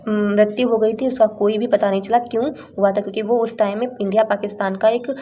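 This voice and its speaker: Chatty teacher woman, mellow tone. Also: mid-range voice, flat delivery, fast, slight background noise. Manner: chatty, explains with playful rhymes and acted-out lines. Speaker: exam coaching teacher. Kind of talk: casual Hindi lesson with memory tricks.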